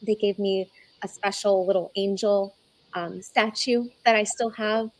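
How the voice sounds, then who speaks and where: A young adult woman, a guest in an interview, telling her own story earnestly and slowing down when she is moved. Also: medium pitch, steady tone, poor audio. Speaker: egg donor guest. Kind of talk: conversational interview.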